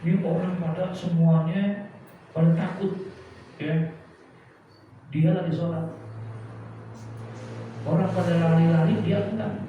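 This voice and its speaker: A man's voice: fairly high pitch, fairly even intonation, unhurried, long pauses. A man preaching a kitab study sermon, telling stories and throwing rhetorical questions to his listeners. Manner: storytelling, asks the crowd rhetorical questions. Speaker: Islamic preacher. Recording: echoey, distant, dull, noisy hall.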